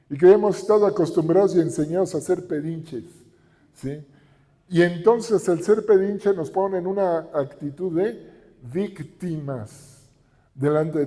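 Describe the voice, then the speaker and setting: A man's voice: a little high, a little slow, dark tone. A middle-aged man with a Mexican Spanish accent, preaching a sermon with emphatic repetition and rhetorical questions. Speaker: pastor. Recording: reverberant hall.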